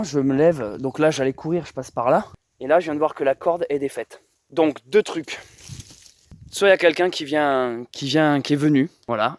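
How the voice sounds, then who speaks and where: Young male survivalist vlogger, slightly high voice, outdoors on a handheld camera, rambling and full of restarts. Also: no room sound. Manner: rambling, restarts, addresses viewers directly. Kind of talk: casual vlog to camera. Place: outdoors by his bunker and orchard.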